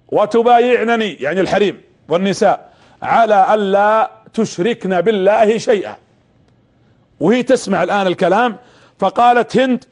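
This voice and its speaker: A man's voice: sits high, a little mellow. A man preaching a sermon, impassioned, telling a story and addressing his listeners directly.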